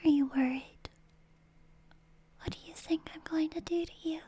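A woman's voice: very high voice, steady tone, moderate pace, mellow. A woman voicing a possessive, unstable young supernatural girl who holds a human captive, in an ASMR roleplay. She talks mostly in a whisper, coaxing, then suddenly snapping. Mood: coaxing, menacing.

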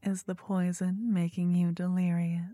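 A woman playing an obsessive, lovestruck fantasy stalker in a sultry, breathy, soothing ASMR role-play, tender and possessive. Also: lowish voice, flat delivery, no room sound, natural voice. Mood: yearning, possessive. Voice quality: breathy, soft. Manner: sultry, breathy, slow, soothing narration to the listener.

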